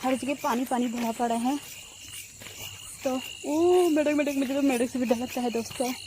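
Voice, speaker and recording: A woman with a fairly high voice and fairly even intonation talks fast over background noise. She's vlogging casually on her phone camera, laughing as she retells a scare, first while walking outside at night and then at home.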